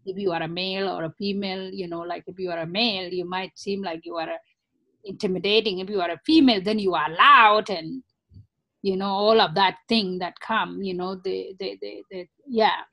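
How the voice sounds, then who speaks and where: A woman's voice: medium pitch, fairly even intonation, moderate pace, gravelly, pushed and bright, dry recording. Earnest woman. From Africa. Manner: earnest, reflective, many "you know" fillers. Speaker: interview guest. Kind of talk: conversational interview.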